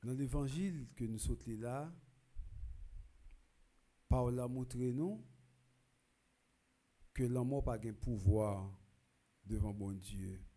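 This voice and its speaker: A priest with a Haitian accent speaks at an unhurried, deliberate pace in a church during a requiem mass. His voice is dark and mellow, and he is measured, swelling at times into loud proclaiming calls. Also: mid-range voice. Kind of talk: gospel reading and funeral homily.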